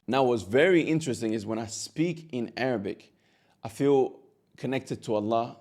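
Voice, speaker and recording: Here the mellow, medium-pitched voice belongs to a man whose native language is Catalan. He teaches Arabic and speaks earnestly and directly to the camera, sometimes saying a word twice as he continues.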